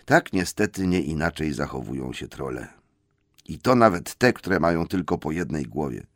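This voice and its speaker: Expressive male storybook narrator. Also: rumbling low, normal speed, no room sound, studio quality. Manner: lively, expressive reading. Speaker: audiobook narrator.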